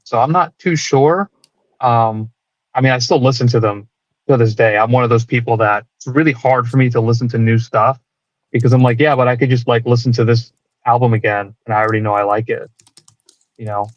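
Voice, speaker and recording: A man's voice: medium pitch, fairly even intonation, brisk, dry recording, dull audio. A man who plays guitar in a band, talking casually and reflectively about music in a rambling way. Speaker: band guitarist being interviewed.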